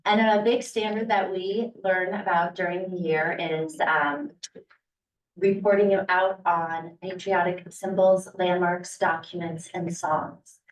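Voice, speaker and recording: A woman's voice: lowish voice, steady tone, slow pace. A woman first grade teacher introducing her students' presentation in an upbeat way, with the occasional uh. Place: boardroom. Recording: echoey room from a distance.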